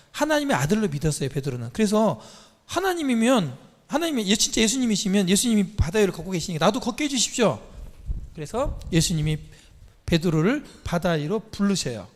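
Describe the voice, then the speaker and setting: Male preacher, high and lively, storyteller who quizzes the pews; reverberant hall. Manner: animated storytelling, quizzing listeners. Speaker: church teacher. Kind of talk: sermon to a congregation.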